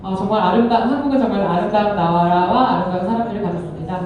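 A woman's voice: mid-range voice, very fast, lo-fi sound, a crowd in the background. A woman working as a consecutive interpreter, speaking hesitantly and correcting herself as she goes. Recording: very echoey hall, distant microphone.

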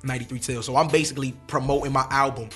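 A young man from Connecticut, a rapper guest in a casual interview, telling a story with animated emphasis and slang. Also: mid-range voice, racing, faint music behind.

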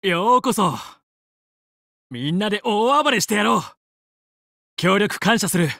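A man playing a young, confident fox space pilot and team leader in a video game, brisk, determined and commanding yet friendly. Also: high voice, expressive, creaky, bright, forceful tone, dry recording, studio quality, full character voice. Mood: friendly, earnest. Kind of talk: Japanese video game voice acting.

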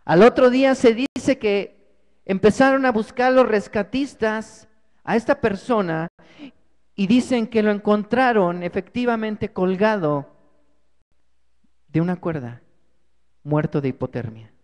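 A man pastor telling a story in a sermon, dramatic, swinging from loud to hushed. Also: high-pitched, measured pace, long pauses. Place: church worship service. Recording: long reverb in a church.

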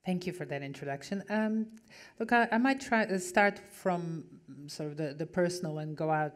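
A woman's voice: lowish voice, moderate pace. A woman in her forties from Ukraine speaking on a conference panel through a headset mic, chatty with many fillers. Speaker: panelist, head of radio. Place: conference stage, large hall.

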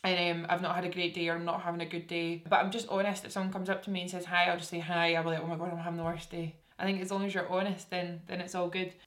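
A woman's voice: fairly low pitch, little pitch movement, quick pace, few pauses, fairly bright tone. A young woman with a broad Scottish accent, chatting candidly and informally in a casual makeup vlog. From Scotland. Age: young adult. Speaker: beauty YouTuber. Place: indoors, small room with curtain backdrop.

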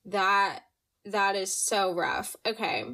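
Reading listener submissions aloud, this young podcast host keeps things chatty and lively, though she takes her time speaking. Allergies leave her medium-pitched voice a bit nasal.

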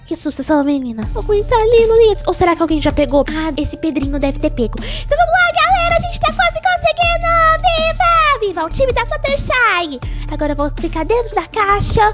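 A very high, lively woman's voice narrates a let's-play, jumping between frightened exclamations and chatty asides to her viewers. She keeps coaching herself aloud as she plays. Game music plays underneath throughout. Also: fairly quick, few pauses. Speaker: gaming channel host.

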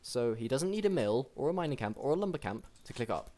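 A young man casually commentating a strategy game match, chatty and excitable, with frequent restarts. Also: medium pitch, fast talker. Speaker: game caster.

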